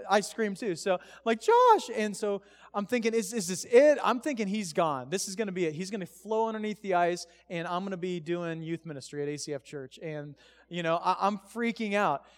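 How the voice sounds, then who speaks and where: A man pastor preaching a casual, storytelling sermon at a live church service, with lots of fillers and restarts. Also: sits high. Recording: echoey church hall.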